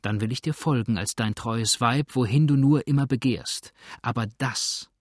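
A man's voice: medium pitch, moderate pace, dry recording, clean studio sound, close to an everyday voice. A man voicing a passionate, jealous young woman who speaks vehemently, in an audiobook. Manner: impassioned, vehement.

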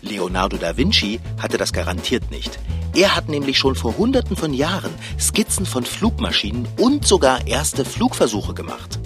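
A man's voice: mid-range voice, wildly swooping pitch, moderate pace. A man narrating a scripted children's programme in a chatty, explanatory way. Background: music.

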